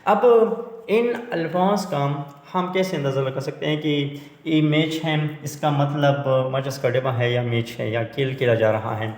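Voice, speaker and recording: Guy teaching english grammar real slow, spelling stuff out, lots of uhs, echoey room. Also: mid-range voice, darkish tone. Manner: spells words out letter by letter, with many hesitations. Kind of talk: slow explanatory lesson.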